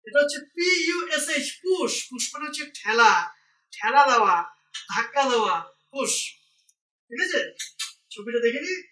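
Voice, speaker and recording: The very high, pushed and bright voice belongs to an Indian man running a vocabulary lesson for learners of English. He spells each word one letter at a time and explains it with patience, sounding far off in a room full of echo.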